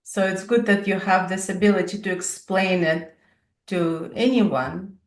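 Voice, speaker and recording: A woman's voice: mid-range voice, a little slow, distant mic. A woman hosting an interview, asking curious, friendly questions. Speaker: podcast host. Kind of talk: interview conversation. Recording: roomy echo, a bit off-mic.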